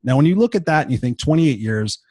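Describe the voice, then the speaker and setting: A man in his fifties delivers an unscripted motivational monologue, swearing freely and pressing his points hard. His voice is husky and sits at a middle pitch. He sounds worn out and unwell, and the recording is dry with no room sound. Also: expressive, fast talker, mellow, no room sound. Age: 50s. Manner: blunt, profane, emphatic. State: tired and unwell. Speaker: motivational podcast host.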